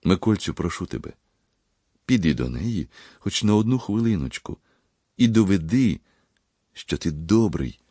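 A man voicing a quiet, sorrowful young pharmacist. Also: low voice, lively intonation, unhurried, pauses often, husky, no room sound, studio quality, exaggerated voice. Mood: gentle. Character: young male pharmacist, gentle, pained, devout.

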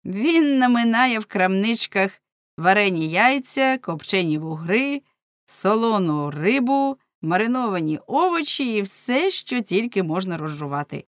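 A woman's voice: mid-range voice, very animated, measured pace, no room sound, clean studio sound, voice pushed up. A woman reading the part of a bold, teasing young man in an audiobook, in a forthright manner.

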